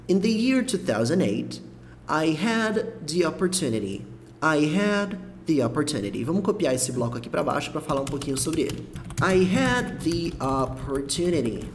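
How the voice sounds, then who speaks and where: A man who speaks Portuguese natively, teaching English in an online lesson, explaining phrases step by step and repeating English words slowly to show pronunciation. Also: on the high side, a little hiss or hum.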